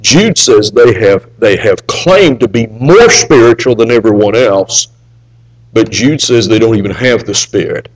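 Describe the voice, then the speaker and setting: A man's voice: on the low side, animated, a little slow, low-quality recording. Emphatic male preacher with sweeping dynamics. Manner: emphatic, wide swings between raised and hushed delivery; reads scripture aloud. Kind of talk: sermon.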